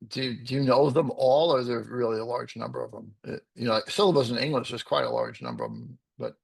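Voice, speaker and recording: A man's voice: medium pitch, lively intonation, vocal fry, slightly rough. A man in a research meeting asking curious questions, often restarting his sentences. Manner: inquisitive, quick restarts. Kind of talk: casual discussion.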